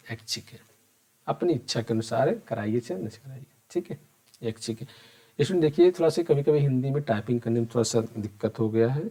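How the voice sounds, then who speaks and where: In an exam-prep accounting lecture, a man with a medium-pitched, mellow voice addresses his students directly and conversationally. He keeps posing questions, answers them himself, and repeats the key points.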